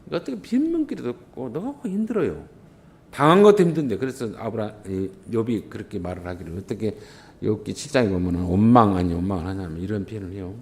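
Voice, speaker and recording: A man's voice: lowish voice, lively intonation, fast talker, a little mellow. A male pastor delivering an emphatic, impassioned sermon.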